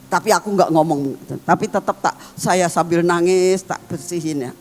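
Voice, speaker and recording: A woman pastor, preaching a sermon as emotive storytelling that swings between excited and hushed. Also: lowish voice, moderate pace. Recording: long hall reverb with faint music.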